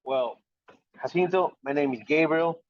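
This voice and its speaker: A man's voice: a little high, normal speed, no room sound. Ecuadorian-accented man on a dull call line. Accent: Ecuadorian Spanish. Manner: repeats words, friendly and self-assured. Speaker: soccer correspondent guest. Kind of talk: casual podcast chat.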